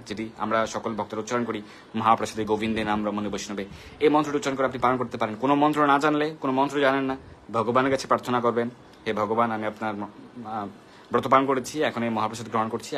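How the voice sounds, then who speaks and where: A man's voice: medium pitch, fairly bright tone, a little hiss or hum. A man hosting a live devotional question-and-answer session, patiently explaining and greeting viewers by name. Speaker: devotional Q&A host.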